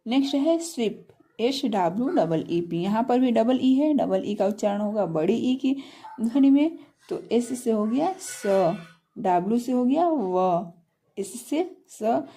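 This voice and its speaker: A woman teaches English spelling and pronunciation in a patient classroom manner. Her voice is gravelly and dark. She slows right down to spell words letter by letter, then repeats each meaning. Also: on the high side, expressive.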